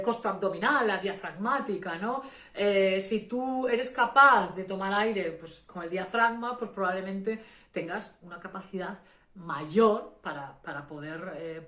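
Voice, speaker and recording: A woman with a Spanish accent talks through a theatre lesson in a loose, unscripted way. She hesitates often, restarts her phrases and fills gaps with "eh". Her voice sits at a middle pitch, and the room around her is roomy and echoey. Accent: Spanish from Spain. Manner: hesitant, many fillers and restarts, explanatory. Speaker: theatre workshop instructor. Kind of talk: informal spoken lesson.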